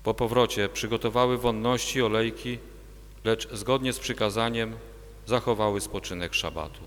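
Male narrator for a church reading, steady, long reverb. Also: on the low side, moderate pace. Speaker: narrator of the Passion. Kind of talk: liturgical reading.

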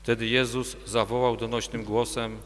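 A man narrating the Passion as a liturgical reading, steady and measured. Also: mid-range voice. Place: church. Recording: long church reverb.

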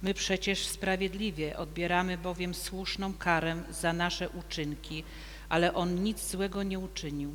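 A man reading the crowd at the cross, high voice. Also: fairly even intonation, fairly bright tone. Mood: earnest. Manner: slow, measured reading. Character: onlookers at the cross: scoffing rulers, soldiers, thieves, centurion. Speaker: reader of the Passion. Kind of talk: liturgical reading. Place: church. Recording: long church reverb, faint hum.

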